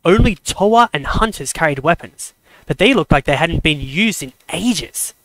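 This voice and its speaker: A man narrating a fan-made story in a steady, measured way. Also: a little high, dry recording, rough recording.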